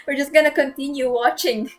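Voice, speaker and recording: A woman's voice: sits high, steady tone, moderate pace, faint music behind. A woman streamer reacting to gameplay, laughing often.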